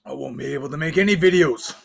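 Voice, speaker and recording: A man's voice: fairly high pitch, quick pace, gravelly, breathy edge. A man in a casual, slangy, rambling vlog style, talking while burping. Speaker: video creator. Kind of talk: casual rambling vlog talk with freestyle rhyming.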